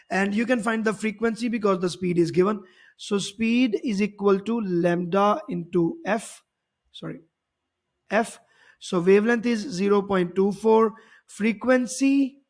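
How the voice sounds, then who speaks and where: Here a high-pitched male physics teacher explains a worked problem one step at a time, frequently restating his points in different words.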